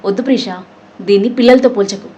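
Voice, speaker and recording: A woman's voice: a little high, fast, dark tone, lightly acted. A woman voicing a teasing young woman friend. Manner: light and teasing.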